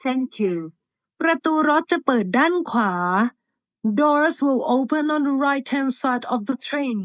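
A woman delivers recorded train announcements in a high, clear voice. She speaks slowly and politely, with each phrase evenly spaced. The sound is dry and close, with no room echo. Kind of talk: formal bilingual transit announcement.

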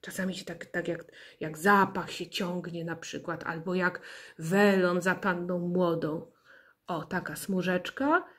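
Woman, music teacher, patient classroom explanation, slow, breathy. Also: fairly low pitch, level tone, fairly bright tone. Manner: patient, spells out syllables and counts aloud.

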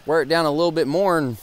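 A young man gives excited, casual running commentary to viewers while fishing from a pond bank, recorded on a head-mounted action camera outdoors. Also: a little high. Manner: excitable, talks to viewers as guys. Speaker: fishing vlogger.

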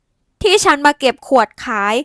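A woman voicing a calm, dignified young woman who speaks softly, politely and steadily. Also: a little slow, no echo, studio quality, natural voice. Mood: firm.

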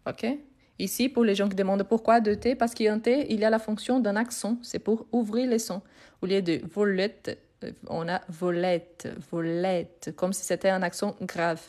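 A woman's voice: mid-range voice, a little fast, a little mellow. A woman teaching French grammar in a live online lesson, repeating and spelling out each word and answering viewers' questions.

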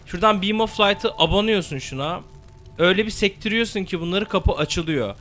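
A young man commentating a game he plays, swearing freely and shouting spell words into his mic. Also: sits high, fairly quick, a little hiss or hum. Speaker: gameplay commentator. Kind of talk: let's play commentary.

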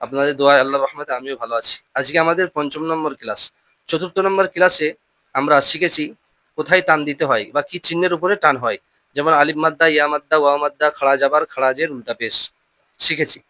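Speaking at a medium pitch in a bright, forceful tone, this Quran reading teacher leads a patient lesson. Pronunciation is practiced call-and-response style, with questions often repeated and each word modeled slowly. There is no echo.

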